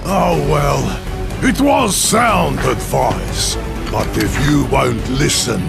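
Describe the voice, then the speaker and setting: An actor playing a menacing video game supervillain, theatrical and full of threats. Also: male voice, medium pitch, animated, slow pace, gravelly, full character voice. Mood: menacing, taunting. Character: taunting, menacing male supervillain. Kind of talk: video game villain acting. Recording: very loud music behind voice.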